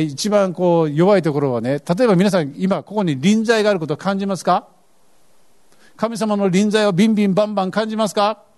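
High, animated preaching man. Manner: earnest, asks the congregation questions. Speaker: pastor. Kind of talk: sermon.

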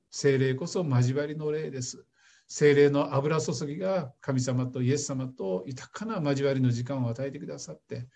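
A man's voice: medium pitch, gravelly, mellow. A man leading an earnest spoken prayer in church. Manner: earnest, fervent prayer cadence.

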